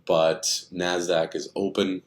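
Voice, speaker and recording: A man's voice: sits low, flat delivery, slow. A man giving casual, rambling commentary on stock charts, thinking aloud with many fillers, tired and yawning.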